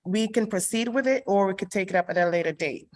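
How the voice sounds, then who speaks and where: Over an online group voice call, a woman chairs a city hearing, speaking formally as she reads into the record, with many ums and little restarts. She talks quickly in a mid-range, somewhat mellow voice.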